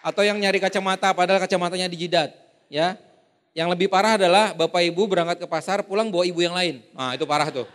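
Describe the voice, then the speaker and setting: A man giving a seminar talk, animated, often acting out comic quotes and laughing. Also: high-pitched, fast talker. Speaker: seminar speaker. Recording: long hall reverb.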